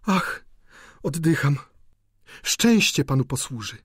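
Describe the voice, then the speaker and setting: A man's voice: on the high side, very animated, slow pace, slightly rough, no echo, studio quality, voice pushed up, heavily acted. A male audiobook narrator voicing a distraught young noblewoman who speaks in a pleading, tremulous way. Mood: imploring. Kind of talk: audiobook character reading.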